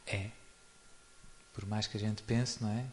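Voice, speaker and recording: Unhurried and steady, a man with a lowish voice and a European Portuguese accent gives an informal spiritual talk, with a little hiss or hum audible. He's a religious speaker who explains things conversationally, chuckling often and adding frequent tag questions.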